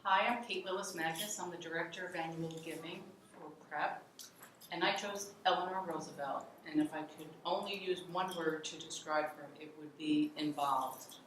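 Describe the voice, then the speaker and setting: A low-voiced woman speaks in a friendly, slightly halting way, with the occasional um. She is a school fundraising director sharing favorite quotes. Her voice reaches the mic from far off through heavy echo, with faint noise behind it. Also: fairly even intonation, a bit bright. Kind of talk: introducing and reading favorite quotes. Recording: very echoey room, voice from a distance.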